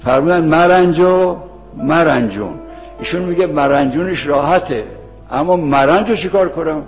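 A man's voice: on the high side, faint music behind. A male cleric giving an ethics sermon to seminary students, telling anecdotes and repeating key phrases. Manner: storytelling, repeats key phrases, quotes scripture. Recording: dull lo-fi sound with long hall reverb.

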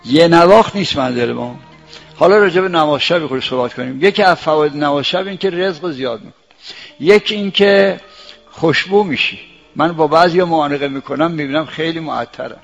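A man's voice: on the high side, gravelly. An older man, a cleric giving a folksy sermon with homely examples and chanted verse, on a dull lo-fi recording with faint music.

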